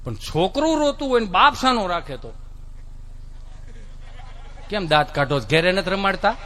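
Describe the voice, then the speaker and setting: Comedian guy, high bright voice, bounces all over doing stand-up bits. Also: moderate pace. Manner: lively, mimics relatives and children. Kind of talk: folksy stand-up storytelling.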